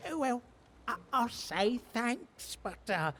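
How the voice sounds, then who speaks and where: A woman's voice: on the high side, big pitch swings, slow pace, a bit bright, full character voice. A woman voicing a fussy, hesitant, pompous ghost-story enthusiast in a video game. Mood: awkward, unimpressed. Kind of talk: video game character acting.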